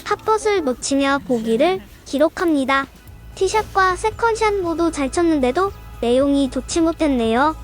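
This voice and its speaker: Faint music sits under a woman's high-voiced voice-over for an amateur golf vlog. At a moderate pace and in an animated way, she follows the round shot by shot, reading a script with polite, formal phrasing.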